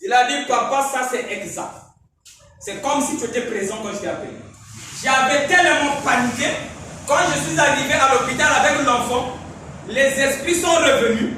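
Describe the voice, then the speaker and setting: A man preaching a sermon as pastor, emphatic and often shouting, regularly asking his listeners whether they are following him. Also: very high voice, moderate pace. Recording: echoey room, mic far off, faint noise.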